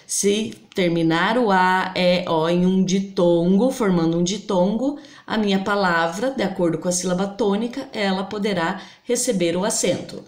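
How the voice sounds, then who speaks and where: A woman teaching a grammar lesson, slowly spelling out example words syllable by syllable. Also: mid-range voice. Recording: roomy echo.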